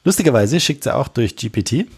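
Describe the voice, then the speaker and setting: A man on a tech podcast explaining something in a halting way, with many fillers. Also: mid-range voice, expressive, slightly rough. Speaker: podcast co-host. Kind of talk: casual tech podcast chat.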